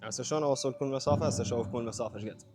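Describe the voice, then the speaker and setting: A male vlogger with an Iraqi Arabic accent narrates a casual vlog very fast over music, his voice in the mid range. He speaks informally to viewers and companions in short phrases.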